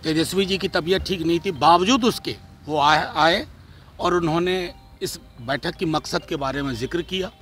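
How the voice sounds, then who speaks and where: Man, party spokesperson, combative, sarcastic, bright tense voice. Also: on the high side, moderate pace. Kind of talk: press statement to reporters.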